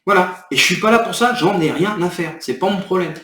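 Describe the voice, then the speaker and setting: A video creator talks fairly quickly in a high voice, irritated and rambling as he lays out his next video and vents. Background noise joins the echoey room and distant, off-mic recording of this agitated vlog.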